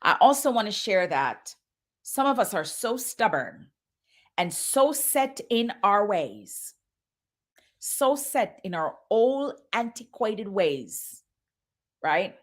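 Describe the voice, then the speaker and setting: A woman's voice: mid-range voice, big pitch swings, takes it slowly. A woman in her fifties giving an urgent motivational sermon as a minister, repeating phrases for emphasis. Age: 50s.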